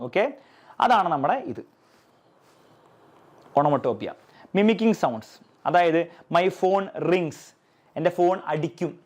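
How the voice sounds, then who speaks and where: A male teacher giving an exam revision lesson, who often asks his pupils whether it is clear and answers his own questions. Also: high voice, lively intonation, takes it slowly, long pauses. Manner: keeps checking if pupils understand.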